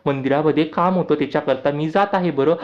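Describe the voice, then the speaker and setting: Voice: mid-range voice, fast talker, lightly acted. Narrator reading a cautious, worried aunt. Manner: cautious, reasoning. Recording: dull lo-fi audio.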